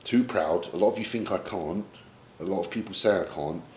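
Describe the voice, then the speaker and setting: Deep-voiced British bodybuilder, frank and emotional, in an echoey room. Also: male voice, a little fast, darkish tone, a little hiss or hum. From Britain. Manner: emotional, reflective, swears casually. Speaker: pro bodybuilder guest. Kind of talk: candid sit-down interview. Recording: roomy echo, faint ambience.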